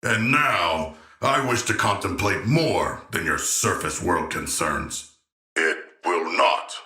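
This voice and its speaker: King Shark, very deep, formal shark warrior. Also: expressive, slow pace, bright, forceful tone, roomy sound, full character voice. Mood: bored, imperious. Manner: stilted, formal, elevated diction, solemnly literal. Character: huge male humanoid shark warrior, formal, earnest, naive royalty. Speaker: video game voice actor. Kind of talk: scripted game character voice lines.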